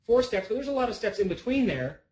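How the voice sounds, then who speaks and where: A man's voice: high-pitched, very animated, quick pace, darkish tone, rough recording. Chatty, rambling man teaching a webinar. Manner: rambling, chatty, self-interrupting. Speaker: online course presenter. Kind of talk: casual webinar lesson.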